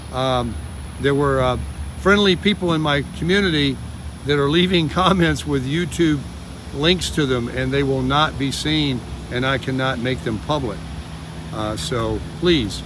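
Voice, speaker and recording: In a mid-range voice, speaking a little slowly, an American man gives a casual chat to camera. He rambles as he explains things, recorded in a car and in an outdoor parking lot where the surrounding noise is plainly heard.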